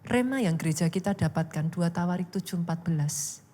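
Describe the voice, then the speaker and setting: A woman pastor preaching an animated sermon, rising into loud exhortation, in a church. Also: lowish voice, brisk, slight background noise. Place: church hall. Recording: echoey church hall.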